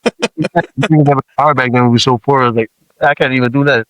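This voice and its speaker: In relaxed, filler-heavy talk, a forties-aged rapper who grew up in Samoa shares stories as a guest. His voice is medium-pitched and a little fast. The recording is dry and low quality.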